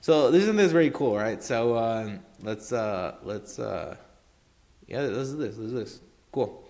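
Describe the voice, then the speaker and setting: A man talking through a screen-share tutorial in a casual, rambling way. His pitch sits in an ordinary middle range. He leans on fillers and keeps checking in with the viewer. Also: animated, a little slow, gravelly, darkish tone. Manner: rambling, filler-heavy, keeps saying obviously and right. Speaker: marketing tutorial host.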